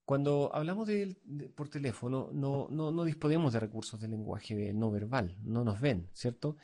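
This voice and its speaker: A man with a Chilean accent lecturing as an instructor, halting and full of fillers and tag questions. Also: mid-range voice, mellow. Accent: Chilean Spanish. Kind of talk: recorded lecture.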